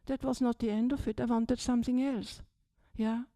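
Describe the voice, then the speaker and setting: An older Austrian woman with an accent, speaking as a Buddhist nun to a retreat group. She is chatty and keeps checking in with "yeah?", and her fairly high voice is soft and mellow. She holds a handheld mic, and the sound is dry and close. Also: flat delivery, normal speed, dry recording. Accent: Austrian German. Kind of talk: retreat talk, personal story. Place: large dim hall, seated on a low stage. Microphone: handheld microphone.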